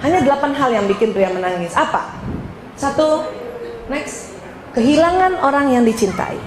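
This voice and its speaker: A middle-aged woman giving a lively, joking talk to a women's study group, often addressing the listeners as "Bu". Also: high-pitched, normal speed, background noise. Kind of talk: lively talk with slides to an audience. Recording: echoey hall.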